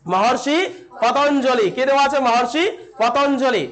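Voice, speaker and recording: High pitched guy lecturing a class, repeats q and a over and over, playful. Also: normal speed. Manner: repeats each question and answer, drilling students. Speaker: Sanskrit teacher. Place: classroom with students.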